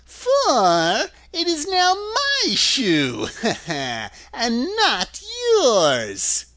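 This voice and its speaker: A storyteller voicing a wicked, cunning old witch from a storybook, with a drawn-out, cackling and wailing delivery. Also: mid-range voice, wildly swooping pitch, bright, forceful tone, pitched above the performer's own voice, exaggerated voice. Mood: gloating, cackling. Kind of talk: storybook character voice.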